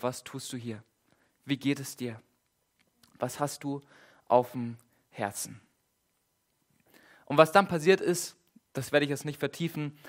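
A man preaching a sermon in a casual, lively way, with dramatic retellings and repeated phrases. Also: fairly high pitch.

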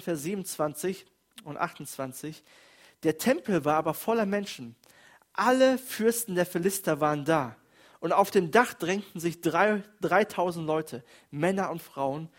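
A man delivering a sermon with earnest emphasis. His voice sits a bit higher than most men's. He rises and falls as he acts out quoted lines. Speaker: preacher.

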